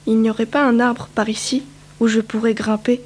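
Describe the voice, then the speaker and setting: A woman voicing a boastful male rabbit who smokes, reading a storybook aloud in a husky voice. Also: on the high side, flat delivery, a little fast, a little mellow.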